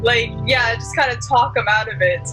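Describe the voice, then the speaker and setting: A woman's voice: a little high, normal speed, pushed and bright, faint music behind, rough recording. A woman player in a tabletop game, speaking in a hesitant, thoughtful way. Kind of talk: casual tabletop game play.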